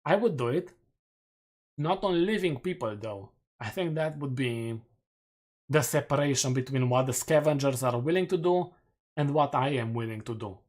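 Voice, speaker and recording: This man speaks with a Romanian accent at medium pitch and a moderate pace, his tone animated yet somewhat dark. As a streamer, he reads through community polls in a relaxed way, poking fun at himself along the way.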